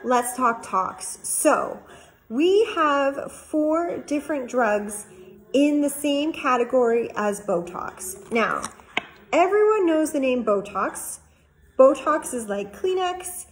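A woman's voice: high-pitched, animated, slow, rough recording. A woman doctor explaining cosmetic treatments to camera in a friendly, plain-spoken way, using everyday comparisons.

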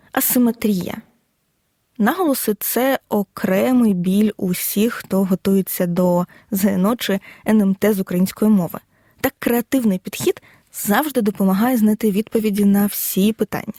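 Mellow-voiced woman teaching a lesson. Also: mid-range voice, no echo, clean studio sound. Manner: measured, explanatory, reads examples out one by one. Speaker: Ukrainian language teacher. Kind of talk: scripted audio lesson narration.

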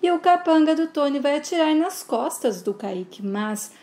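Woman host, casual storyteller, somewhat high voice, chatty. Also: animated, moderate pace, warm tone. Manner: plain, chatty retelling with asides. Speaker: channel host recapping a soap opera.

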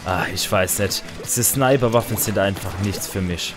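A man giving casual, excitable commentary while playing a video game online, with sudden loud high outbursts. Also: moderate pace. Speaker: gaming let's player. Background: faint game music.

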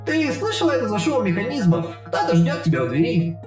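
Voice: mid-range voice, very animated, a little fast, darkish tone, roomy sound, faint music behind. A reader voicing a friendly young male dragon whose voice comes from a distance through a speaking tube, in an audiobook of fan fiction. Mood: concerned. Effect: voice coming through a speaking tube, distant.

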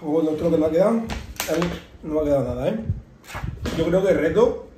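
A man's voice: fairly high pitch, a little fast. A man in his thirties with a Peninsular Spanish accent, chatting casually to camera as the host of a home challenge vlog. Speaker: father hosting a food challenge vlog. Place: small home kitchen, indoors. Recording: roomy echo, clearly noisy background.

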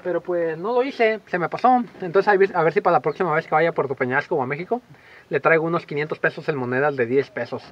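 A man's voice: fairly high pitch, quick pace, lo-fi sound. A man, animatedly telling a personal story to the camera in a casual vlog, acting out voices. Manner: animated, acts out voices and shouts in his stories. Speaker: vlogger.

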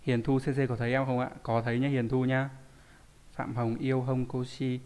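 A man's voice: medium pitch, flat delivery, moderate pace, darkish tone, smooth. A man teaching a live online language class, reading out student answers and asking the class frequent rhetorical questions. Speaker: Japanese teacher. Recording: long hall reverb.

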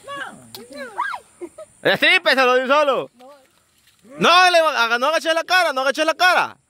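A man runs a game outdoors in the countryside, barking quick orders between laughs. His voice sits high and swings widely up and down. The tone is bright and cutting. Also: lively intonation, a little hiss or hum. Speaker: game leader. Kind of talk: casual outdoor challenge game.

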